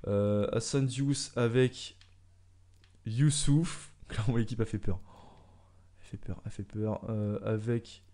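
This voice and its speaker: A young man commentating his own soccer video game match, swinging from calm musing to loud excited shouts when the action heats up. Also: on the low side, unhurried. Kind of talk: excited let's-play commentary.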